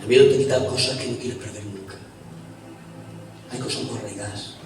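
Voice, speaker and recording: A man with an Extremaduran accent preaching an evangelical sermon, telling the story with animation and swinging between loud and hushed delivery. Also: mid-range voice, steady tone, brisk. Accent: Extremaduran Spanish. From Extremadura, Spain. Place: church hall. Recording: echoey hall from a distance with loud music.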